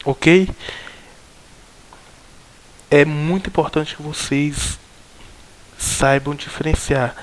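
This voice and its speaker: A man's voice: fairly high pitch, fairly even intonation, very slow, long pauses. Hesitant Brazilian man teaching logic. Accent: Brazilian Portuguese. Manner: hesitant, many fillers and restarts, explaining step by step. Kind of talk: recorded logic lesson.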